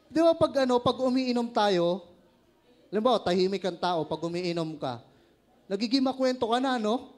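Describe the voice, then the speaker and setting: A man's voice: high voice, animated, moderate pace, darkish tone. A man with a Filipino accent preaching a sermon, joking, laughing at his own stories and asking the congregation questions.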